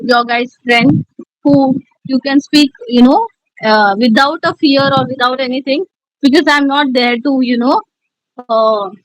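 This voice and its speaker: Indian woman trainer, high voice, dry close sound, encouraging, many fillers. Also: fairly bright tone, no echo, poor audio. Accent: Indian English. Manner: encouraging, filler-heavy with many "you know". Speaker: communication skills trainer. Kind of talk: online class feedback.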